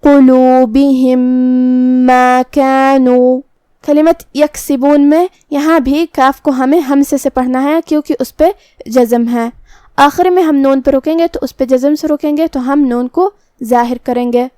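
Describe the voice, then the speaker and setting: A woman's voice: high voice, warm tone, no echo, studio quality. A woman teaching a recitation lesson, explaining pronunciation rules step by step in a patient, instructional way. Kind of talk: tajweed lesson with slow chanted recitation.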